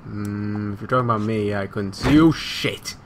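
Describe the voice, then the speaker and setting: A man with a lowish voice talks at normal speed over a little hiss or hum. He's a gamer recording a let's play, giving casual commentary while muttering to himself, repeating phrases, and swearing.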